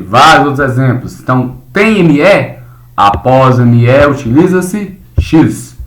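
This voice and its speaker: A man teaching a recorded spelling lesson, explaining casually and often checking in with short tag questions. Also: medium pitch. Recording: echoey room.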